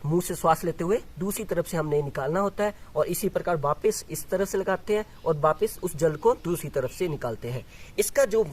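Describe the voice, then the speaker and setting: A man's voice: high voice, darkish tone. A man teaching yoga and breathing exercises, explaining step by step with frequent restarts and demonstrating as he talks. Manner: demonstrates exercises while talking. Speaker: yoga instructor. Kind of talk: instructional demonstration.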